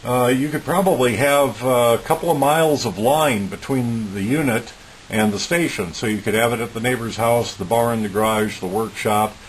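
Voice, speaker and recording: A man demonstrates a homemade electronics project as a hobbyist, plain-spoken and matter-of-fact in an informal yet methodical style. His voice is medium-pitched at a moderate pace, on a clearly noisy recording with hiss.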